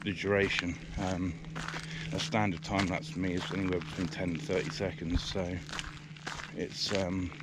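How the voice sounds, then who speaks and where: A British man with a low voice and flat delivery reviews a camera while walking by a river in the countryside, slightly out of breath. He rambles hesitantly with many fillers at normal speed, and the action camera's built-in mic picks up a lot of noise.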